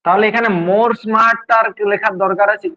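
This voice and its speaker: Man, teacher, grammar lesson, repetitive quizzing, fairly high pitch, muffled lo-fi audio. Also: steady tone. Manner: explains slowly, repeats and quizzes students.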